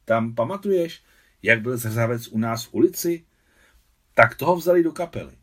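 A man's voice: medium pitch, lively intonation, recorded from a distance, close to an everyday voice. A man reading an audiobook voices a grieving, defiant runaway boy with a sulky, snapping manner. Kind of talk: audiobook dialogue.

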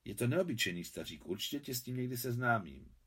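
A man reading aloud, voicing an eager, lively male professor. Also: mid-range voice, husky, pitched above the performer's own voice. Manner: eager and pleading.

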